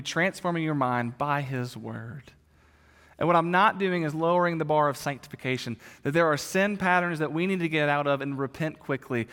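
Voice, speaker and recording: Pastor, male, slightly high voice, earnest storytelling sermon, long hall reverb. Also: fairly bright tone. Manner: earnest storytelling preaching with swelling emphasis.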